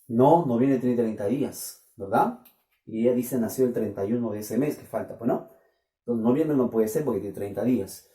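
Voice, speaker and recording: A Peruvian man gives a math lesson in a classroom, stopping again and again to ask his students if they follow. His voice is very dark and mellow. It is picked up from some distance in a room with a lot of echo. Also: mid-range voice, moderate pace. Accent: Peruvian Spanish. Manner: questioning, keeps checking with students. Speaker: math teacher. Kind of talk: classroom lecture.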